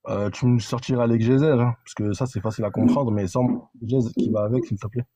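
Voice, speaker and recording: A man's voice: mid-range voice, steady tone, brisk, mellow, no room sound. A man calling into a live debate, lecturing insistently and repeating his points. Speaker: caller in a debate.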